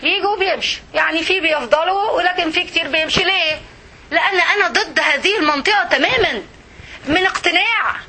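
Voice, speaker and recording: A woman's voice: extremely high pitch, fast talker, pushed and bright, a little hiss or hum. A woman with an Egyptian Arabic accent, giving a religious lesson to a women's circle in an impassioned way, full of rhetorical questions. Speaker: religious teacher.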